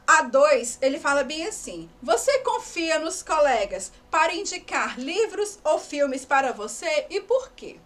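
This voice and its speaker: A woman's voice: sits high, fairly bright tone. A woman teacher giving a lesson, patiently checking in with her students and stretching out example words. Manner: asks the class questions. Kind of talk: recorded class lesson.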